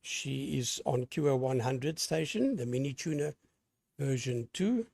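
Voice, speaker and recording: Running an amateur radio net, this hoarse, gravelly-voiced man speaks at medium pitch and a measured pace, keeping a lively on-air manner while spelling callsigns phonetically. The sound is dry and clean, like a studio.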